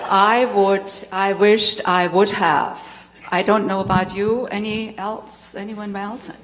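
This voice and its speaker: A middle-aged tantra teacher with a German accent tells her personal story to a live audience in a spiritual center hall, candid and laughing often. Her mid-range voice is a bit bright, flat and slow, with slight background noise and long hall reverb.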